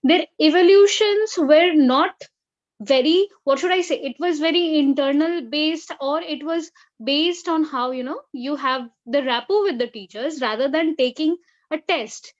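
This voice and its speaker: Young woman, high voice, halting with fillers, breaking-up video call audio, dull lo-fi sound. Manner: earnest, halting with many fillers. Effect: choppy audio from a bad connection that keeps cutting out. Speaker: student speaker. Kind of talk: online presentation.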